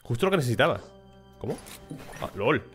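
A man from gives rapid, casual let's-play commentary, full of swearing asides. His voice sits at an ordinary middle pitch. Faint game music plays underneath. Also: sing-song, a bit bright. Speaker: gamer.

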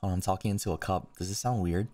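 A man's voice: sits low, steady tone, fast, warm tone. A man streaming a game, talking muffled into a cup in a rambling, hesitant way. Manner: rambling, hesitant, filler-heavy. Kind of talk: casual livestream gameplay commentary.

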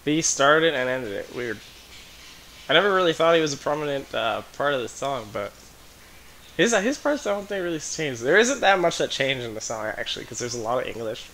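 A man's voice: medium pitch, very animated, brisk, a bit bright, slight background noise. A man giving casual, rambling commentary on a music video, out of breath and full of "like" and "um".

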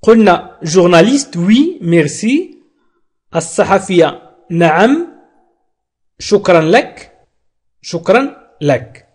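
A man teaching a French lesson, who says French phrases slowly, repeats them, and then explains them. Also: high voice, sing-song, husky. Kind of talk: language lesson.

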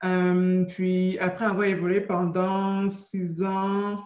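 A woman in her thirties from Cameroon, raised in France, speaking as an entrepreneur guest in a video call interview, quick and full of restarts. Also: on the low side, level tone, darkish tone. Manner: quick, with many restarts and fillers. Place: room with a brick arch at home. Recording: roomy video call audio.

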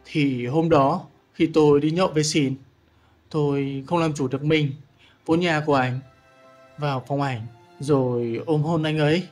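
A man's voice: fairly high pitch, steady tone, unhurried, darkish tone, soft background music, natural voice. A man voicing a remorseful adult man in an audiobook, telling his past in a rueful, confessional way.

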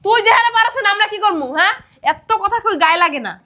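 An actress playing a middle-aged mother who scolds her family with quick retorts. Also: very high voice, animated, bright, forceful tone, heavily acted. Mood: scolding. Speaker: mother-in-law.

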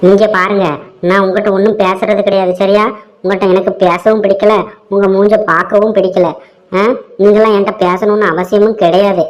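A woman's voice: medium pitch, little pitch movement, brisk, lo-fi sound, lightly acted. Woman voicing a grumbling Tamil mother-in-law. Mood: scolding. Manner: grumbling, scolding, sarcastic. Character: bitter scolding Tamil mother-in-law, middle-aged. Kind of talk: cartoon comedy voice acting.

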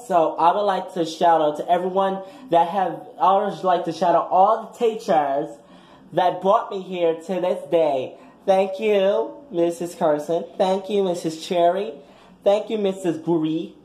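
A man's voice: on the high side, dark tone, natural voice. A man voicing a brash, foul-mouthed young woman graduate giving a crude, combative speech in a comic skit. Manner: crude, combative, trash-talking. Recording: echoey room.

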